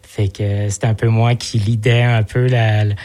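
A man's voice: fairly low pitch, flat delivery, moderate pace, a little mellow. A man with a Québécois French accent, a guest in a radio interview, speaking hesitantly with many fillers and repeated words. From Montreal area, Quebec. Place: radio studio.

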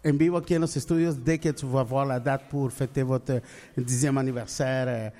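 A man's voice: mid-range voice, steady tone, brisk, warm tone. A man co-hosting a radio show who announces the next act, mixing French and Spanish. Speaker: radio co-host.

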